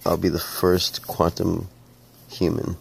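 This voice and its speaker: Gravelly low-voiced man joking around. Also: completely flat delivery, slow. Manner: jokey, laughing, playful. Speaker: host watching the repair. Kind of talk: casual chat.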